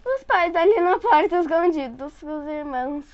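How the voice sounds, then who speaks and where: High-voiced woman reading a picture book. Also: lively intonation, normal speed, no room sound. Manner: chatty asides to a child, giggles. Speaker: storyteller. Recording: dull dry home recording.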